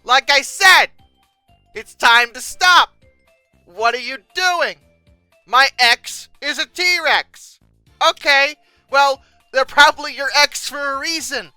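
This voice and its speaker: In a high-pitched voice, a video host speaks slowly with long pauses, riffing on pictures with theatrical mock exasperation. Deadpan asides give way to outbursts, and the dry recording carries soft background music.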